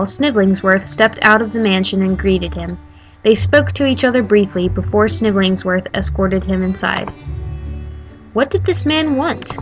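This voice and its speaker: A woman streamer reading a story game aloud as the heroine, breaking off for animated, sarcastic commentary. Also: mid-range voice.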